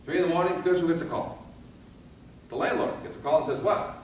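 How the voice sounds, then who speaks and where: Quick-paced and fairly even in intonation, this man's voice sits on the high side with a darkish tone. He's a fire safety instructor giving a live training talk to firefighters, asking the class questions he then answers and playing out scenes in assorted voices. The audio is distant and echoey, with some noise behind it.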